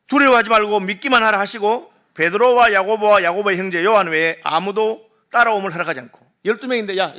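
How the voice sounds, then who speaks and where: A male pastor delivers a sermon in a church sanctuary, his voice sitting high for a man and ringing bright. He tells the story with animation, slipping into the voices of mourners and doubters before returning to plain preaching.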